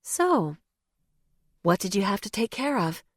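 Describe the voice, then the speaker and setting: A woman voicing a calm female therapist who asks measured, gently probing questions. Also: medium pitch, dry recording, clean studio sound.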